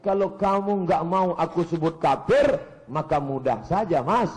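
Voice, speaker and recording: A male preacher giving a sermon in an animated, joking way, full of rhetorical questions. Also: on the high side, a little slow, rough recording.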